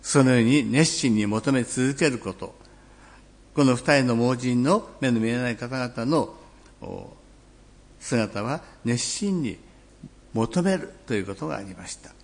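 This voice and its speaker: A male pastor giving a sermon in a measured, reflective way, slowing down on key phrases and clearing his throat now and then. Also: mid-range voice.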